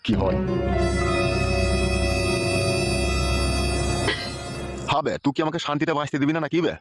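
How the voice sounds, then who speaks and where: An exasperated village father from a cartoon comedy, scolding in a stream of curses, as a man voices him. His voice sits slightly high and he barrels through every line. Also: expressive, racing, over loud music, lightly acted. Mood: complaining. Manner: ranting, cursing, scolding. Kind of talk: cartoon voice acting.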